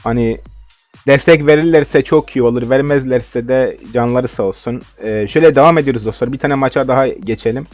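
A man's voice: mid-range voice, brisk, a little mellow, no echo, faint music behind. A young man giving live game commentary, ranting and swearing in frustration at his opponents. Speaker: gaming video host.

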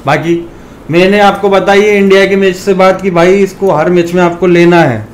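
Talking at a moderate pace in a high-pitched voice, this man from India has a sore throat. He makes fantasy cricket videos on YouTube, addressing viewers as brothers in a chatty way and ranting with animation at times.

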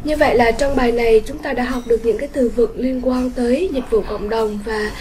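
A woman's voice: on the high side, steady tone, a little fast, darkish tone, rough recording. A woman teaching an online English lesson to children, patiently explaining step by step. Her native language is Vietnamese.

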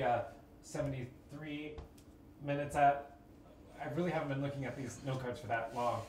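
A young man plays a flustered med student who hesitates and stumbles through his answers at a middling pitch. The small dorm room echoes, with faint noise under a far camera. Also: lo-fi sound, lightly acted. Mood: hesitant. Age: young adult. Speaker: student being quizzed. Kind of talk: amateur comedy sketch acting. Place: small dorm bedroom indoors.

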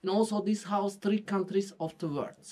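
A man's voice: high voice, fairly even intonation, a little mellow, low-quality recording. Man guiding a tour in broken English. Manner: broken English, short phrases, halting with fillers. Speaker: local tour guide. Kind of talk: guided tour explanation. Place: outdoors and inside a mud-brick house.

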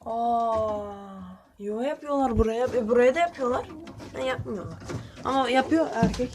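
A woman's voice: on the high side, moderate pace, darkish tone, slight background noise. A woman keeping pigeons, talking viewers through her birds in a chatty, blunt way and swearing now and then. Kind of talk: casual vlog commentary to viewers.

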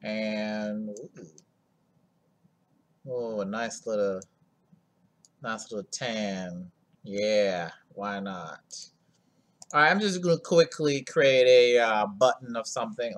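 A man's voice: on the low side, measured pace. A man hosting a screen-recorded coding tutorial, talking in a laid-back, rambling way full of ums and asides.

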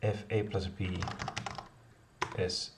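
A middle-aged man with a deep voice and little pitch movement takes his time while live-coding a kata indoors at his home office. His hesitant thinking aloud is packed with fillers and self-corrections. He sounds distant, over clear background noise and the sound of typing and clicking.

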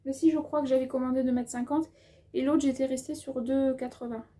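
A woman's voice: high voice, fairly even intonation, brisk, dark tone. A woman with an accent of her own, chatting casually in a sewing haul video, thinking aloud as she measures fabric, with plenty of hesitations and filler words. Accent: has an accent of her own. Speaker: sewing vlogger.

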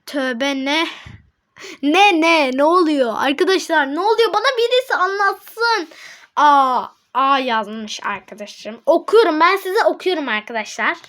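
Girl gamer chatting thru gameplay, high bright voice, slow-ish, reads chat out loud to everyone. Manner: excitable, addresses viewers as friends, reads chat aloud; bursts into high laughing shouts. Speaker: gaming channel host. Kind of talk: casual gameplay commentary.

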